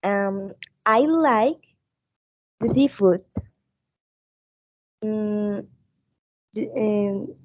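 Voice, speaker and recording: A young woman practices English in a lesson, pausing often as she hunts for each word. Her voice is soft and mellow with a slow, careful pace. The sound is dry and a little muffled, like an online class. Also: medium pitch, dry recording. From Colombia. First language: Spanish. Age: 20s. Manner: slow, hesitant, searching for words. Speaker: language student.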